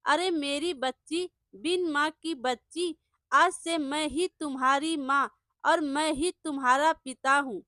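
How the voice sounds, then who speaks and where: A woman voicing a poor, humble male farmer who speaks in a soft-hearted, pleading way in a storybook tale. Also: high voice, fairly even intonation, a little slow, no echo, studio quality. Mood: grieving.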